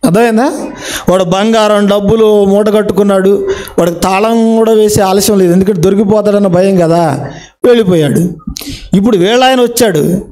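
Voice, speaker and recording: Middle-aged pastor, sermon in church, high voice with a mellow dark tone, keeps firing questions at the congregation. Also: male voice, a little fast. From India. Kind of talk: Telugu sermon.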